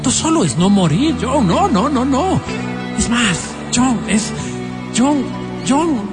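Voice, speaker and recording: A high-voiced male radio co-host who talks with wide, theatrical swings. He teases the caller and delivers mock-solemn advice in playful banter, with music bed behind him. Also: sing-song, slow pace.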